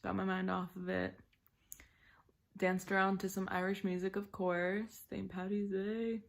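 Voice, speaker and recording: A woman's voice: medium pitch, little pitch movement, a little slow, vocal fry. A young woman from the United States chatting informally to her viewers in a casual vlog update. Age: young adult. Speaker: vlogger.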